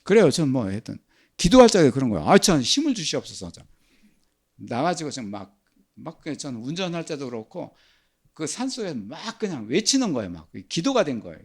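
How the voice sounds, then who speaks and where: A man's voice: on the high side, very animated, fairly quick, darkish tone, breathy edge. An older man preaching a sermon as pastor, asking and answering his own questions.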